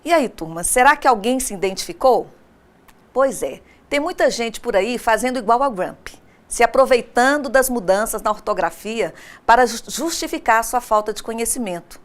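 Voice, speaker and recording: Woman teacher doing an online class, kinda high voice, slows right down on the example words. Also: lively intonation. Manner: didactic, addresses students directly. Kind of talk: recorded online lesson.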